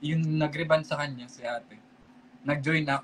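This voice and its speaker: A man's voice: a little high, fairly even intonation, normal speed, fairly bright tone, a little hiss or hum. A man with a Northern Samar Waray accent, a vlogger reminiscing in rambling, laughing talk during a casual live stream.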